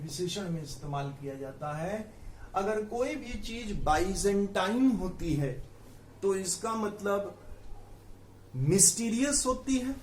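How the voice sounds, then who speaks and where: A male vocabulary teacher with a high voice gives a Hindi vocabulary lesson built around memory tricks, patiently explaining, repeating key words, and mixing in English terms. The room is echoey, and there's a bit of hiss or hum.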